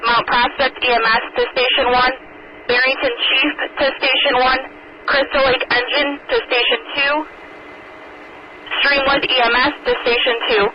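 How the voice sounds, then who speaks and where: Female dispatcher on very noisy radio. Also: high-pitched. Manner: procedural, reading out lists. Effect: two-way radio. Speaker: emergency dispatcher. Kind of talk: formal fire dispatch radio announcement. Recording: very noisy, dull lo-fi radio scanner audio.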